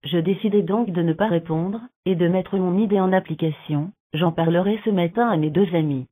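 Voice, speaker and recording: A synthetic woman's voice reading a novel aloud in a flat, monotone way with uneven phrasing. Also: on the low side, normal speed. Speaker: narrator. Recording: narrow phone-like sound.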